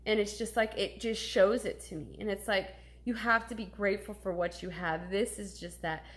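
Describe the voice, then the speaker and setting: A woman's voice: mid-range voice, fairly even intonation, moderate pace, fairly bright tone. A woman in her thirties talking candidly and emotionally in a personal vlog, swearing casually as she confides. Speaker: vlogger.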